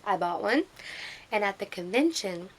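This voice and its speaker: A woman vlogger telling an excited, rambling story in a casual way. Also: medium pitch, moderate pace, husky.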